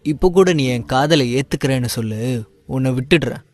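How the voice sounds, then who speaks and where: A menacing young villain, voiced by a male storyteller, taunts his victim in a sneering, mocking tone. He sounds sure of himself and threatening. It suits a dark audio storybook. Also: medium pitch, normal speed, no room sound, lightly acted. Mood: taunting, menacing.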